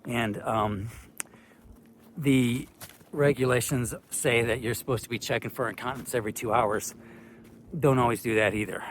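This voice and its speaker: A man's voice: medium pitch, a little hiss or hum. A middle-aged man, a retired care worker, giving casual, rambling advice with many fillers, a bit out of breath. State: slightly out of breath. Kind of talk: casual advice talk to camera.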